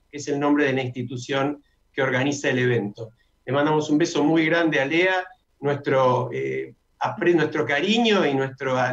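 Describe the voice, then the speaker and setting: A man hosting a radio talk show, chatty, who announces details slowly and repeats them. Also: on the high side. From Argentina. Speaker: radio host. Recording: dull lo-fi radio sound.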